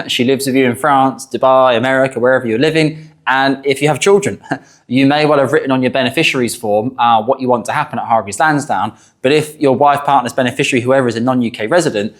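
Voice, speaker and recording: A middle-aged man hosts a conversational financial discussion. His voice sits at an ordinary mid pitch, and he talks like an adviser explaining things to an audience.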